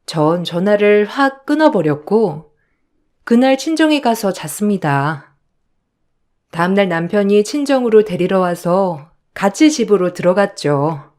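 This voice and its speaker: A woman narrating a first-person family story in a plain, even way. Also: mid-range voice, a little slow.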